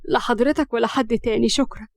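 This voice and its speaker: A woman's voice: a little high, steady tone, quick pace, vocal fry, dry recording, clean studio sound. A woman with an Egyptian accent voicing a proud, defiant young student who answers back tensely.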